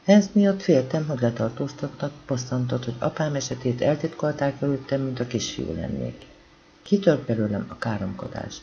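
Gravelly man reading an audiobook. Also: mid-range voice, lively intonation, dark tone, muffled recording. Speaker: audiobook reader. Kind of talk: scripted audiobook narration.

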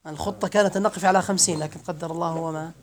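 A man giving a classroom grammar lesson, slowly reciting verse lines, then explaining them and quizzing his students. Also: fairly high pitch, steady tone. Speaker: grammar teacher.

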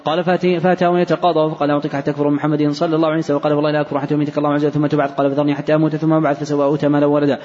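A man reading hadith texts aloud in a fast, even recitation, recorded in a large mosque hall. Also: fairly high pitch. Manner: fast, even, unbroken reading with brief slips. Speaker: hadith reader. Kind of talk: rapid recitation of hadith text. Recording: dull recording in a reverberant hall.

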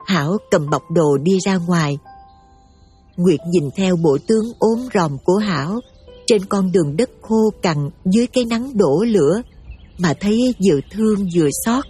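A woman giving steady, emotive scripted story narration over faint music. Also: mid-range voice, normal speed, slightly rough.

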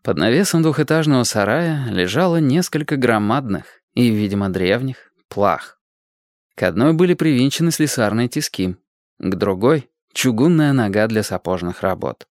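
A narrator reading a children's story aloud with expressive storytelling. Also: mid-range voice, normal speed, dry recording, clean studio sound.

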